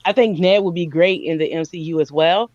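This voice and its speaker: Excitable woman reviewing movies, muffled and dry. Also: lowish voice, a little fast, no echo. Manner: excitable, acts out scenes with squealing quoted voices. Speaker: podcast co-host. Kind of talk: casual movie review chat.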